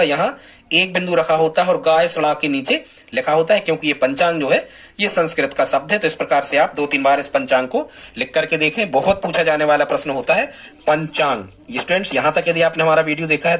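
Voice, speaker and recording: A man's voice: a little high, a bit bright. A man teaching a Hindi spelling lesson to students, often asking a question and answering it himself. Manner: repeats words, asks and answers himself.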